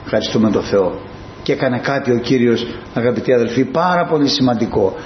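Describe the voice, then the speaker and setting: A male preacher giving an impassioned sermon, moving between hushed asides and high, emphatic peaks, in a church. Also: lively intonation. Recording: dull, roomy and slightly noisy.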